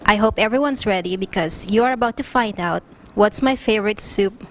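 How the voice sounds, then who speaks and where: A woman telling a children's story in a slow, animated, expressive way. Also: mid-range voice, a little hiss or hum.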